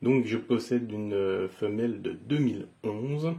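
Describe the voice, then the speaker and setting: A man with a Jura French accent casually presenting his pet snake on his channel, relaxed and hesitant with many fillers. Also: fairly low pitch, a little slow, gravelly, husky. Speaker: reptile keeper and channel host. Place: indoors beside a terrarium.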